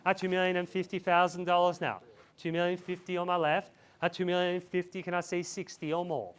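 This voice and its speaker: A man's voice: high voice, little pitch movement, brisk, clear, resonant tone. A man calling a live property auction outdoors, repeating bid figures in a chant and urging buyers on. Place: outdoors in a residential street.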